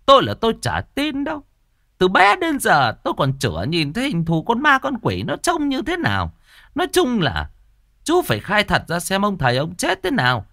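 A man voicing a skeptical older village chief who talks in a gruff, scolding, sneering way. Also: high voice, wildly swooping pitch, normal speed, bright, forceful tone, dry recording, studio quality, voice pushed up, full character voice. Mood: scornful bossiness.

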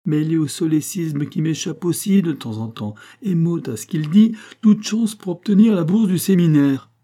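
A man's voice: fairly high pitch, animated, normal speed, mellow, voice pushed up. A man voicing a clumsy sixteen-year-old boy who pleads tearfully with his aunt in a storybook reading. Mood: pleading.

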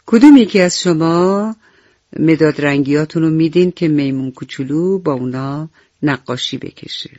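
A woman's voice: deep voice, darkish tone, no echo, dull audio, close to an everyday voice. A woman voicing a kind female teacher at a forest school in a radio bedtime story, speaking tenderly.

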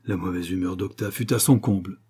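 A man reading a classic French novel aloud as an audiobook, in a measured narrating tone. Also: sits low, mellow, breathy edge. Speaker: audiobook reader.

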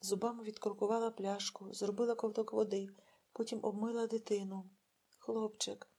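A woman narrating a literary audiobook in a measured, dramatic storytelling manner. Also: mid-range voice, little pitch movement, mellow, slightly rough.

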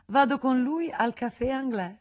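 A woman's voice: high voice, measured pace, pitched above the performer's own voice. A woman putting on a brazen young courtesan. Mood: breezy. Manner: loud, mocking, coquettish.

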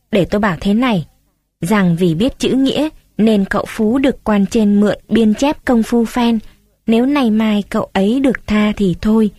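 A fretful village chief who blusters and scolds, grumbling his warnings, as a woman reads him. The tone is mellow and warm. It is a close, dry storybook reading. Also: mid-range voice, no echo, natural voice.

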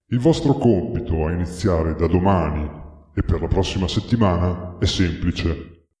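A man voicing an imperious leader who talks to the crowd as if he were a god, commanding and deliberate. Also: deep voice, mellow, pitched below the performer's own voice. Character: imperious self-made godlike male leader addressing crowds. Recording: long echoey hall reverb.

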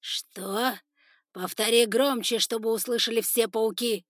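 A woman reading aloud plays a furious old spider lord who barks orders and sneers at everyone below him. His voice is loud, raised and harsh, delivered close and dry with no room sound. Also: fairly high pitch, steady tone, a little slow, no room sound, voice pushed up. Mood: scornful. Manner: shouting orders, harsh and contemptuous. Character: furious older male spider lord, cruel ruler. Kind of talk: audiobook character voice.

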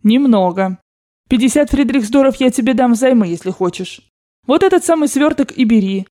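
A woman's voice: fairly high pitch, lively intonation, normal speed, mellow, voice pushed up, lightly acted. A woman voicing an imperious rich old grandmother who gives orders in a brusque, commanding way in an audiobook. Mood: bossy. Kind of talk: audiobook character voice.

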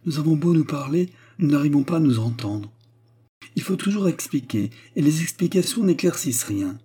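A man's voice: fairly high pitch, lively intonation, normal speed, dark tone, husky, pitched above the performer's own voice. A man voicing a spirited young independent woman in an audiobook, impulsive and earnest. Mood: wistful. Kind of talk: audiobook character reading.

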